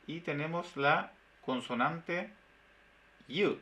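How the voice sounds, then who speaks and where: Bright Chilean teacher with tag questions. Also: male voice, a little high, expressive. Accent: Chilean Spanish. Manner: drawn-out, constant tag questions. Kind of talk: webinar lesson. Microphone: video call.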